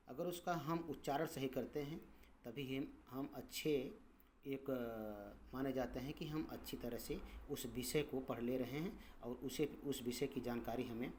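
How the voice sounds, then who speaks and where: Here a patient male teacher gives a slow pronunciation lesson in English, saying every word and its meaning more than once with stretched vowels. His voice sits in the middle range and is slightly mellow, with a faint hiss or hum underneath.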